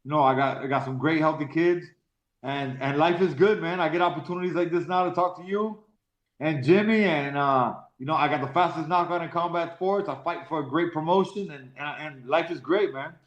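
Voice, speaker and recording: A man in his forties from Miami, a professional fighter telling his life story in an interview, in a casual, halting way with many repeated words. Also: fairly high pitch. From Miami, Florida. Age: 40s. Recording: roomy, dull lo-fi sound.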